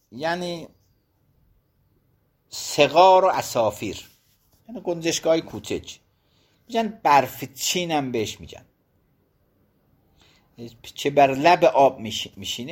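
A man's voice: fairly high pitch, sing-song, pauses often. A man giving a religious studies lesson. He reads out Arabic legal phrases and explains each one in Persian.

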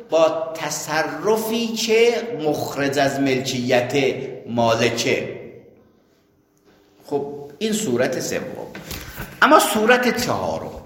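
A man's voice: medium pitch, fairly bright tone. A man teaching a jurisprudence lesson, who explains with worked examples and asks and answers his own questions. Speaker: seminary teacher. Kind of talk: jurisprudence lecture. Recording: echoey hall.

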